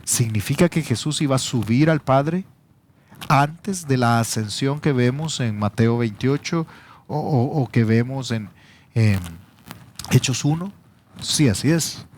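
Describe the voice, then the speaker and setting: A man's voice: mid-range voice, measured pace, a little mellow. A pastor with a Salvadoran Spanish accent preaching a teaching sermon, his voice rising sharply when he quotes scripture.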